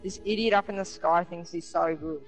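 Gamer over loud music. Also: medium pitch, moderate pace. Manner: crude mocking banter, heavy swearing. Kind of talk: casual gaming chat.

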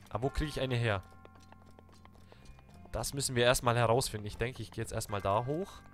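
A young man with a German accent, chatting excitedly to viewers while playing a video game. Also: mid-range voice. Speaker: let's play gamer. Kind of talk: live game commentary.

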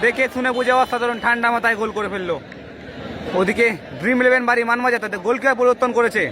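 A man calling a penalty shootout live, in excited, urgent football commentary full of repeated exclamations. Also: extremely high pitch, very fast. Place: outdoor football ground during a match. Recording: noisy outdoor stadium with loud crowd. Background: loud crowd and noise.

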